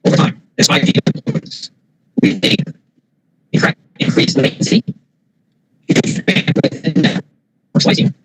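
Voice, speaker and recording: A man's voice: measured pace, long pauses, no room sound, low-quality recording. A man giving a remote business keynote, his voice choppy and breaking up over a failing video call. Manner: fluent corporate pitch, lists points. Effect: choppy, breaking-up video call audio. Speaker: tech executive presenter.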